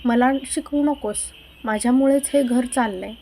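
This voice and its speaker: A woman's voice: a little high, moderate pace, mellow, slight background noise, close to an everyday voice. A woman voicing a scheming older mother-in-law who complains with fake tears. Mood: complaining. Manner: snapping, then whining read-aloud dialogue.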